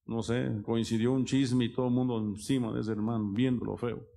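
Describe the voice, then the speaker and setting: Older male pastor, informal rambling sermon, warm gravelly voice. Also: mid-range voice, flat delivery, a little fast. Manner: rambling, conversational, frequent filler asides. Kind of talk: informal sermon with personal stories.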